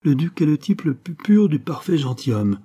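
A man's voice: on the high side, sing-song, moderate pace, mellow, husky, muffled recording, voice pushed up. A man as a cunning impostor nobleman. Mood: mock-sincere. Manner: feigned sadness and surprise. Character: cunning male impostor nobleman, smooth liar.

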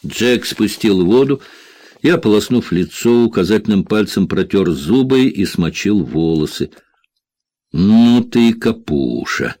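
Low-voiced man reading a thriller. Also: animated, moderate pace, darkish tone, no echo. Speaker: audiobook narrator. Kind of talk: scripted thriller narration.

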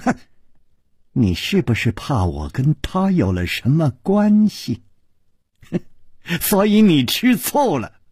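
A man voicing a sly young woman who teases and taunts in murmured half-whispers, with a very husky voice. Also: deep voice, very animated, a little slow, a little mellow, dry recording, clean studio sound, exaggerated voice. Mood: taunting.

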